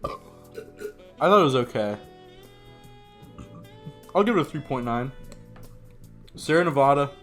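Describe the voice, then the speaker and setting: A man's voice: medium pitch, expressive, measured pace, long pauses, fairly bright tone, faint music behind. A tipsy man co-hosting a casual beer review, joking and rambling as he gives scores. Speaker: co-host rating beers. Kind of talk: casual drunken banter.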